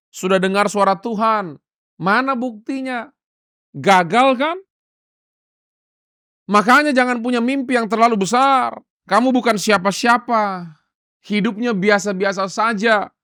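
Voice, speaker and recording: A man's voice: high voice, unhurried, long pauses, bright, forceful tone, smooth, dry recording, studio quality, pitched above the performer's own voice. A male preacher voicing scornful male disciples who taunt a friend who failed, in a sneering, taunting manner. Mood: mocking.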